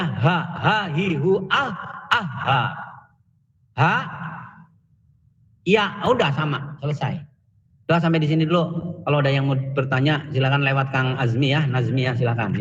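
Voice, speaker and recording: A man's voice: medium pitch, big-room sound, muffled recording. A man teaching Quran letter pronunciation in an online class, drilling sounds and joking in between. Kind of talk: online tajwid lesson.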